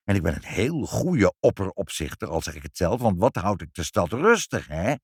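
A man's voice: low-pitched, sing-song, normal speed, a little mellow, slightly rough, dry recording, studio quality, full character voice. Een man die een verontwaardigde opperopzichter speelt, opgeblazen en klaaglijk, uit een voorleesverhaal. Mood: self-important complaining. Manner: pompous, whiny and indignant. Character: fussy pompous male city official.

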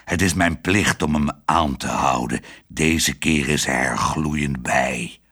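A man voicing a stern male police dog who talks in a low, gruff, threatening way. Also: slow, a bit bright, heavily acted.

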